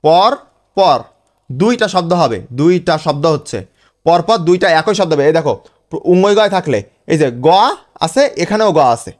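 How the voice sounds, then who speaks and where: A man's voice: on the high side, lively intonation, brisk, darkish tone. A man teaching a lesson, spelling words out sound by sound and often checking that students follow. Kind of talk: classroom lecture.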